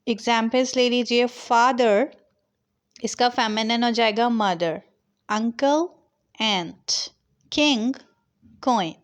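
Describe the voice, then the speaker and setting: A woman's voice: fairly high pitch, clean tone, dull audio. A young woman teaching an English grammar lesson, explaining patiently with many examples and mixing Hindi with English words.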